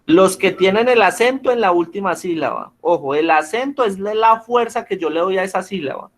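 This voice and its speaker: A man's voice: high voice, expressive, a little fast. A man teaching an online class over a video call, patiently checking in with his students after almost every point. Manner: patient, checks in with frequent questions.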